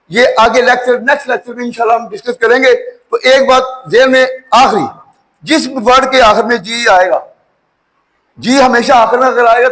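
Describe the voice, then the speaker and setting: A man giving an English phonics lecture, explaining slowly and spelling words out letter by letter. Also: very high voice, a bit bright, poor audio. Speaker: English teacher.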